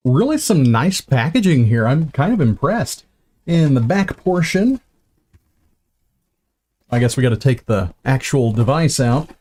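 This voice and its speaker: A man's voice: mid-range voice, very animated, a little slow, long pauses, a little mellow. A man unboxing gear on a live stream, chatty and self-mocking, stumbling over words and starting lines again.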